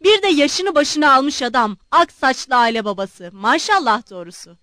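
Woman voicing a bitter, shouting young man. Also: high-pitched, animated, normal speed, no room sound, clean studio sound. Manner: sharp, shouting. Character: angry young man, bitter, harsh son.

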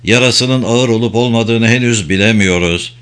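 A man voicing a calm, formal male sergeant reporting to his officer. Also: medium pitch, moderate pace, smooth, lightly acted. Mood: steady.

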